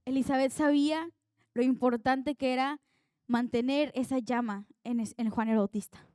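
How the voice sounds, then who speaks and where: A woman's voice: sits high, steady tone, moderate pace, darkish tone, clear, resonant tone, dry recording, studio quality. A young woman preaching an earnest, conversational sermon that draws on her own life.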